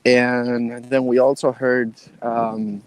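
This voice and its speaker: A man on the team giving a casual update on a video call, measured, with many ums and uhs. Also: medium pitch, flat delivery, no room sound. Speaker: mobile developer on the team.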